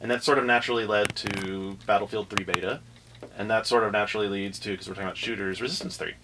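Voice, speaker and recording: Speaking fast in a lowish, steady voice against background noise, a man hosts a casual behind-the-scenes podcast chat. Rambling, wry, and interrupting himself, he lays out his plans for the show.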